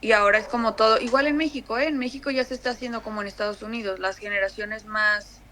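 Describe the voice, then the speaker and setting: A woman's voice: a little high, fairly even intonation, fast, bright, forceful tone, a little hiss or hum. A young Mexican woman with a Mexican accent, chatting casually as a guest, full of fillers and restarts. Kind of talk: casual conversation.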